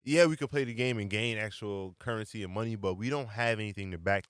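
A man's voice: fairly low pitch, a bit bright, clear, resonant tone, dry recording, clean studio sound. Blunt slangy man in his late twenties. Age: late 20s. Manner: blunt, slangy, quick to agree. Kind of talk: casual chat.

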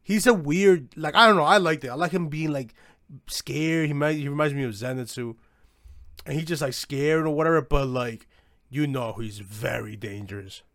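A man's voice: fairly high pitch, normal speed, fairly bright tone, no echo, studio quality. A young man chatting casually about anime as a co-host, with a hyped, slangy, swearing frat-bro manner. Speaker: podcast co-host. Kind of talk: casual anime discussion chat.

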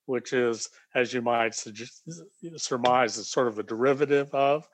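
A man from the United States, a guest on a podcast, speaking in a calm, measured and reflective way. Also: mid-range voice, a little hiss or hum. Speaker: guest, leadership coach. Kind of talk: casual interview chat.

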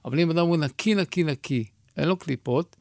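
A man, a rabbi and guest, explaining mystical teachings in a measured, teacherly way with rhetorical questions, recorded in a studio. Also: a little high, gravelly, slight background noise.

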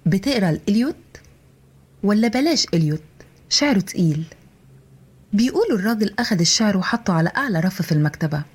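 A woman with an Egyptian Arabic accent voicing a disfigured 36-year-old patient in an audio drama, talking softly with dry teasing. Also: mid-range voice, breathy edge. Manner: soft, sometimes whispering, dryly teasing.

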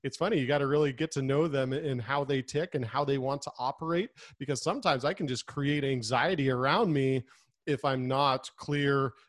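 A man in casual conversation, telling stories in an animated, restless way and acting out what people said. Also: mid-range voice, dry recording, studio quality. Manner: animated, restless storyteller who acts out quotes.

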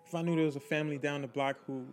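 A man's voice: on the high side, fairly even intonation, very fast, soft background music. A young man from Haiti, a guest in a casual interview, telling his life story in a candid, streetwise way.

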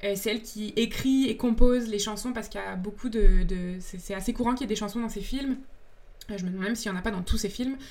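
A woman's voice: mid-range voice, quick pace, darkish tone. Young woman guest, enthusiastic and reflective, picks her words as she goes, mid-range voice. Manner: thoughtful, searching for words, enthusiastic. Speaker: podcast guest, comics author and film student. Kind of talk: casual interview talk.

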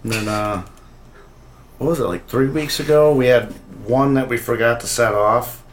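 Man, podcast guest, relaxed rambling storyteller, lots of swearing, mid-pitched voice. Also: moderate pace, a little hiss or hum. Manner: laid-back, rambling, swears a lot. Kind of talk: casual podcast chat.

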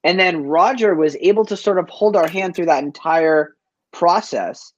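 This East Boston man, a chef who owns a business, chats casually as an interview guest, telling stories in slangy, informal speech loaded with "like." His voice sits high and he speaks at a normal speed, on a muffled recording.

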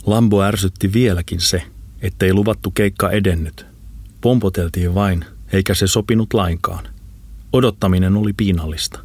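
A man reading an audiobook in a steady, measured narration. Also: sits low, husky, no room sound. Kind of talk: scripted narration.

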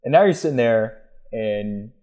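A man as a guest in a casual talk, relaxed and swearing freely as he talks through practical steps one by one. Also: lowish voice, measured pace. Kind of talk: casual chat.

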